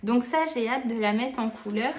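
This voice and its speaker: A woman's voice: fairly high pitch, steady tone, moderate pace, slight background noise. Chatty woman, full of fillers. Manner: hesitant, many fillers and self-corrections; enthusiastic, gushing. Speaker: vlogger. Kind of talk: casual chat to camera.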